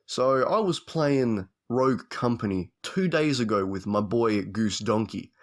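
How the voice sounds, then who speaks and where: A young man telling a story as a casual, profane rant, swearing constantly and animated. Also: fairly low pitch, unhurried. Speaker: vlogger.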